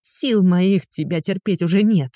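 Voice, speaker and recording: A reader voicing a sharp-tongued, fed-up young woman who snaps and mocks, in an audiobook. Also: mid-range voice, measured pace, no room sound, studio quality, natural voice. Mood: snapping. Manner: sharp, snapping, sarcastic. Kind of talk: audiobook dialogue.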